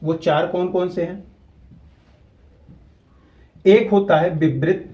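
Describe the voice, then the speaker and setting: A man, teaching a grammar lesson at a whiteboard. He repeats key terms slowly and deliberately so students can keep up. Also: sits high, fairly even intonation, dark tone, rough recording.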